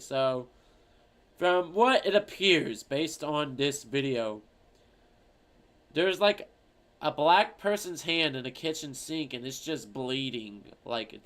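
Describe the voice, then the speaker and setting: A man's voice: on the high side, a little slow, fairly bright tone. A man streaming, reacting to an old video of himself, rambling and swearing casually with a lot of fillers. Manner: rambling, profane, lots of fillers.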